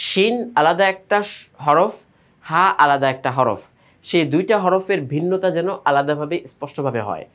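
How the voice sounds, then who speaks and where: Male Quran teacher, Bangladeshi Bengali accent, somewhat high voice, patient letter-by-letter spelling and drilling. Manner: spells out letters and vowel marks, then reads words aloud slowly. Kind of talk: step-by-step recitation lesson.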